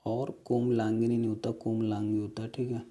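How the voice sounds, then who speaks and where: Male tutor, mellow tone, walks through answers one by one, often checking in with the viewer. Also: on the low side, level tone, brisk. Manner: explains step by step, repeating words and "ठीक है"; asks rhetorical questions to viewers. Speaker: teacher. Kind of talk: exam-prep spelling lesson.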